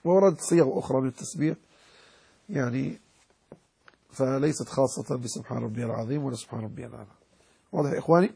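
Gravelly-voiced man teaching a religious lesson. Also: mid-range voice, fast, long pauses, warm tone. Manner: explanatory, repeats key points, checks understanding with the listeners. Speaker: sheikh teaching Islamic jurisprudence.

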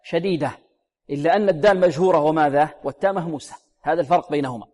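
A man with a fairly high voice teaches recitation rules in a room with a long reverb. He stretches out each example word slowly and repeats it carefully, then asks his own questions and answers them in a patient teaching tone. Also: a little mellow. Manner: slow, drawn-out demonstrations of words, repeated many times. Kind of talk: tajweed lesson with recited examples.

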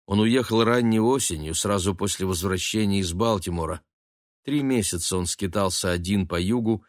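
A man narrating an audiobook in a measured, expressive storytelling manner. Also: lowish voice, dry recording, studio quality.

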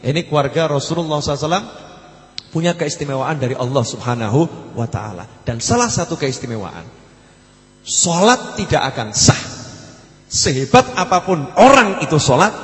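A fairly high-voiced man gives an Islamic study sermon. He rises to loud, pressing questions, then drops to soft, low asides. A long reverb trails his voice. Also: very animated, a little fast. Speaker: religious teacher.

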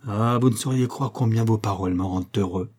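A man reading the part of a dignified, fatherly male government minister in an audiobook, speaking gravely. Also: lowish voice, brisk, a little mellow. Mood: solemn.

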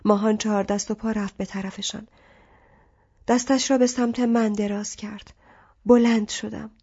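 A woman narrating a literary novel as an audiobook in a calm, measured reading. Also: medium pitch, husky, highs cut off.

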